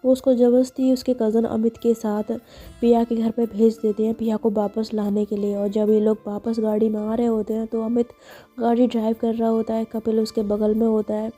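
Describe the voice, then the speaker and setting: Mellow-voiced woman telling a story. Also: on the high side, little pitch movement, fairly quick, faint music behind. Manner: chatty, filler-heavy retelling. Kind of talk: casual spoken story narration.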